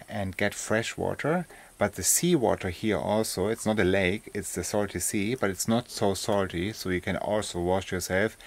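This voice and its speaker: A man chatting casually to the camera as a travel vlogger, outdoors on a small island by the sea. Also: low voice. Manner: relaxed, chatty, laughs often. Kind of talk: casual vlog narration.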